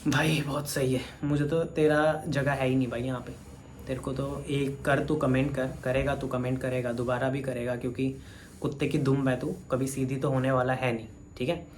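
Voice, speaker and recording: A man's voice: mid-range voice, flat delivery, moderate pace, slight background noise. A man vlogger delivering a heated direct-to-camera rant, scolding a commenter, in speech.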